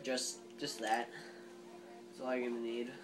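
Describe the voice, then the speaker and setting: A man's voice: mid-range voice, monotone, measured pace. A man giving a casual, rambling gear review as a reviewer, informal and emphatic with plenty of hyperbole. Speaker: gas mask reviewer.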